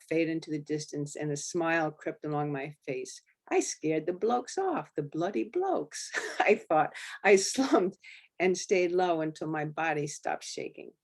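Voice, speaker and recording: A woman with a low, deep voice reads her own memoir aloud at a public library event. Her delivery is steady and flat, close to a monotone. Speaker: memoir author.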